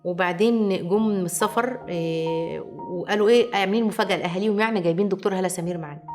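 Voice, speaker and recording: A woman with an Egyptian accent giving a lively advice lecture to viewers, acting out quoted people as she talks. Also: medium pitch, racing, music in the background. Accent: Egyptian Arabic. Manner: animated, acts out quoted voices. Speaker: family advice speaker.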